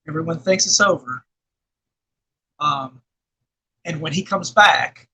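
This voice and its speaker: A man's voice: a little high, bright, forceful tone, husky, low-quality recording. A middle-aged man from Arkansas being interviewed, talking in a rambling way with lots of fillers and restarts. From Arkansas, USA. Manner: rambling, many fillers and restarts, laughs often. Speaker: guest filmmaker and actor. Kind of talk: casual interview chat.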